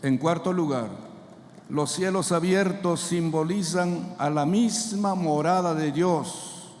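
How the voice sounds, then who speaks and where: A man's voice: a little high, takes it slowly, a little mellow, a little hiss or hum. A man who is a pastor, preaching a fervent sermon and calling on the congregation to answer back. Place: church sanctuary. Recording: long reverb of a church hall.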